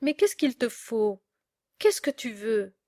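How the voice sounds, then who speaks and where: A woman's voice: on the high side, very animated, slow, darkish tone, no room sound, clean studio sound, full character voice. A woman playing a worried, kindly old male farmer, pleading and fretful.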